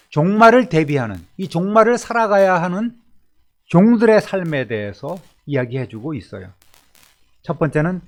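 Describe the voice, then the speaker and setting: Male pastor preaching, a bit high-pitched, lifts lines with emphasis, then trails off soft and low. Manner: swings between emphatic rises and soft, low endings. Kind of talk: Sunday sermon. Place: church service.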